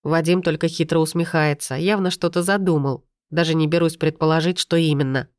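A woman reading a first-person novel aloud in a steady storytelling manner. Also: low-pitched, a little fast, no room sound, studio quality. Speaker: audiobook narrator.

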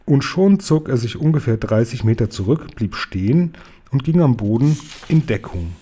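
A man reading a children's storybook aloud, slowly and expressively. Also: medium pitch, slightly rough. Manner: slow, careful, expressive. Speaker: reader.

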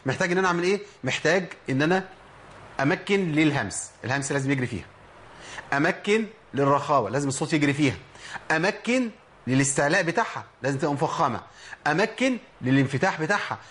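Fast-talking Egyptian tajweed teacher. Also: male voice, a little high, expressive, a bit bright, a little hiss or hum. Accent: Egyptian Arabic. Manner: asks himself questions and answers them; demonstrates letter sounds. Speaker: Quran recitation teacher. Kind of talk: tajweed lesson.

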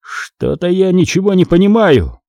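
A man's voice: high-pitched, sing-song, normal speed, gravelly, dark tone, no echo, voice pushed up, exaggerated voice. A man playing a shaky old mafia boss. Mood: frightened. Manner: shaky, blustering, pleading. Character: frightened aging male mafia boss.

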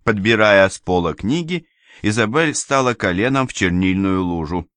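Deep-voiced male audiobook narrator. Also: dry recording. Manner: measured, even storytelling reading. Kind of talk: scripted narration.

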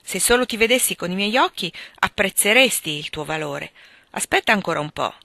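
A woman's voice: medium pitch, lively intonation, slow pace, bright, forceful tone, breathy edge, no echo, exaggerated voice. A woman reading the lines of a doting, anxious middle-aged mother who pleads with and lectures her grown son. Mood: pleading.

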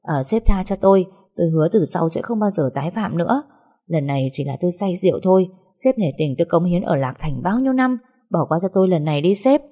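A woman's voice: on the low side, lively intonation, fairly quick, mellow. A woman voicing a drunk, lecherous older male sales manager who blusters and then grovels, stammering through fillers. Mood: pleading.

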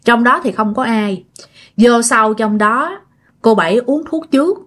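A woman's voice: on the high side, measured pace, a bit bright. A woman with a Southern Vietnamese accent narrating a ghost story in a chatty way, speaking directly to her listeners.

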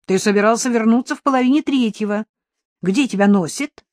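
A woman's voice: fairly high pitch, fairly quick, darkish tone, no echo, pitched above the performer's own voice, natural voice. A woman voicing an anxious young woman close to panic, in an audiobook. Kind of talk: audiobook character reading.

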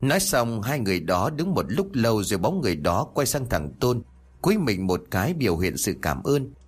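A man narrates a rural ghost story in a husky, slightly breathy voice. His pitch rises and falls a great deal as he tells it. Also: brisk. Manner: expressive, lively storytelling.

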